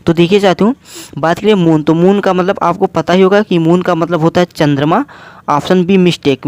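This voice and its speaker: Male teacher, exam-prep lesson, slightly high voice, repeats questions and answers them himself, dry close sound. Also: darkish tone, no room sound. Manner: repetitive question-and-answer explaining, addresses listeners as friends.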